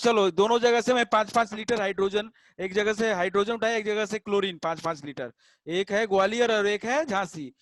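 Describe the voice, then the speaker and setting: A man teaching a chemistry class, patiently checking that students understand and drawing out English terms slowly. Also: sits high, dry recording. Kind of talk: classroom lecture.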